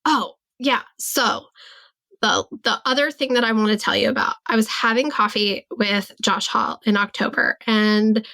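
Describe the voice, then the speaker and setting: Speaking unhurriedly with fairly even intonation, a woman in her forties uses a high-leaning, pushed, bright voice with vocal fry. As a business coach hosting her solo podcast, she reflects candidly on her business, peppering it with "like" and quoting her own thoughts.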